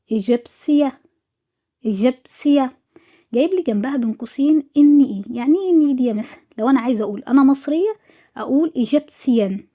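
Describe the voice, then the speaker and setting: A woman's voice: sits high, mellow, highs cut off. A woman with an Egyptian Arabic accent teaching French in an exam review, repeating each word and answering her own questions. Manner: drills words with repetition, asks and answers own questions.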